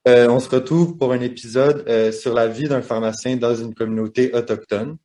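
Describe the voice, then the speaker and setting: A young man, hosting a student podcast interview in a relaxed way with fillers. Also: mid-range voice, moderate pace.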